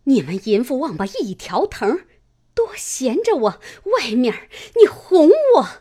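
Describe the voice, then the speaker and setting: A woman voicing a fierce, jealous young noblewoman in a dramatized novel reading, with shrill, sobbing, rapid scolding. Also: big pitch swings, mellow, slightly rough, full character voice. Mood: raging.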